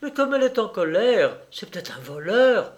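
A man voicing the younger of two sisters, a playful, excitable young woman, in a storybook reading. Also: high voice, moderate pace, voice pushed up. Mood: alarmed.

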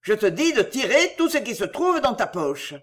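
A woman's voice: fairly high pitch, big pitch swings, normal speed. A woman doing a furious barking factory boss. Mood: angry. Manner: barking, scolding. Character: harsh shouting male factory director.

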